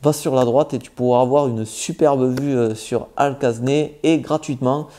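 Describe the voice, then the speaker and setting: A man's voice: medium pitch, steady tone, normal speed, mellow. A man with a southwestern French accent giving casual, informal travel tips straight to the viewer, with many hesitations as he talks. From southwest France. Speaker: travel vlogger.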